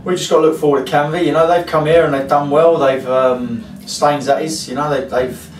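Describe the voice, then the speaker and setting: Football manager, 40s, frank and rambling, distant mic in an echoey room. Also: male voice, on the high side, fairly even intonation, a little fast. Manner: frank, rambling, many fillers. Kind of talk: post-match interview. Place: club interview room, indoors. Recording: roomy echo, distant mic, faint hiss.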